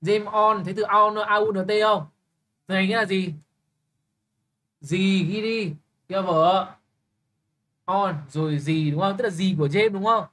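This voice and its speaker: A young man tutoring English, briskly quizzing a student with quick questions and blunt, teasing remarks. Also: high-pitched, steady tone, bright, forceful tone, a little hiss or hum. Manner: brisk, keeps checking understanding with quick questions. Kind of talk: live tutoring lesson.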